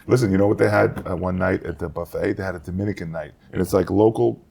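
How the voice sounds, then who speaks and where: A man's voice: low voice, steady tone, quick pace, vocal fry, a little mellow, breathy edge. A man co-hosting a casual podcast, telling vacation stories and quoting people in a raised voice. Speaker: podcast co-host. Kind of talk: casual chat.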